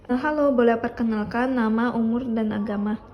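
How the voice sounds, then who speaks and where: A woman's voice: a little high, fairly even intonation, normal speed, muffled recording. A woman student introducing herself and politely asking interview questions, with a few hesitant fillers.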